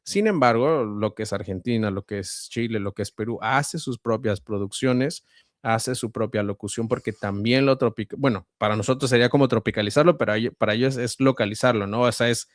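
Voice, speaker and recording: Male voice-over guest with a central Mexican accent, mid-pitched, dry close sound, measured and explanatory. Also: no room sound. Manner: measured, explanatory, frequent hesitations. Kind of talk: conversational interview answers.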